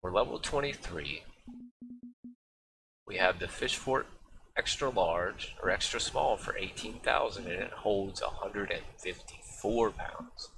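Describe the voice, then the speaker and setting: Low-voiced guy streaming a game, rambles a lot with ums, steady noise underneath. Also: unhurried, vocal fry. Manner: rambling, filler-heavy, thinking aloud. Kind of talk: casual live-stream gameplay commentary.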